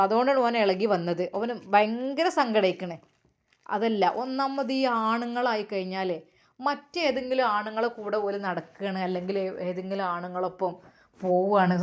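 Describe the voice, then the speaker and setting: A young woman reasons gently in a voice, as a woman storyteller plays her. The voice is fairly high. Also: lightly acted.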